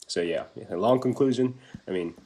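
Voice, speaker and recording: A young business development manager from Taiwan speaks at a moderate pace in a lowish, mellow voice, answering interview questions casually on a home video call. He's chatty, and his answers are packed with fillers and restarts.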